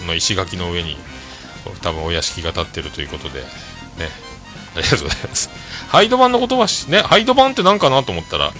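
A man's voice: on the low side, bright, forceful tone. A man hosting a casual podcast, chatting and reading out listener messages, with frequent filler tags and self-deprecating asides. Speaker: podcast host.

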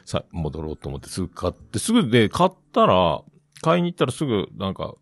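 Rambling man with a lively low voice. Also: a little fast, no echo, studio quality. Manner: rambling storyteller, acts out quoted voices. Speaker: podcast host. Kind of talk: casual solo chat.

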